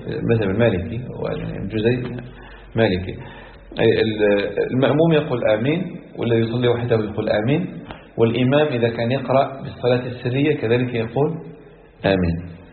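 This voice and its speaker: A man's voice: medium pitch, slight background noise. A man teaching a religious lesson on Quran exegesis, explaining points and repeating key phrases. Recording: echoey hall on a tinny lo-fi line.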